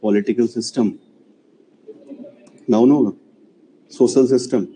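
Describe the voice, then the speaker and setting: Male history teacher, very dark mellow tone, faint room noise behind, chatty classroom lecture style. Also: medium pitch, fairly even intonation, slow, rough recording. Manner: chatty, asks students questions often.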